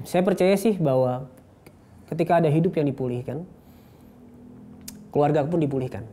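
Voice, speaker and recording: Very low, mellow-voiced woman host. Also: normal speed, slight background noise. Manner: calm listener, short affirmations and reflective comments. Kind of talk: faith talk show interview.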